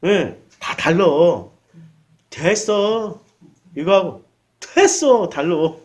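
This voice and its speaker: Animated, high-voiced male pastor. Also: drawn-out words. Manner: animated, conversational, quizzes the congregation. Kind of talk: sermon. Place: church.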